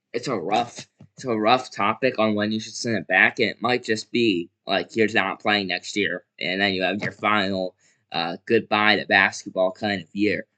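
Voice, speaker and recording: A man's voice: deep voice, bright, forceful tone. A young man casually giving his opinions on basketball, rambling and correcting himself with lots of fillers. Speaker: basketball commentator. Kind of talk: casual solo sports commentary.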